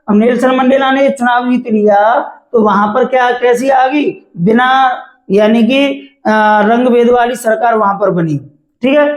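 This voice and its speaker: Teacher in an echoey room, asking and answering himself. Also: male voice, extremely high pitch. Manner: repeats questions to the class and answers them himself. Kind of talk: explaining a textbook chapter.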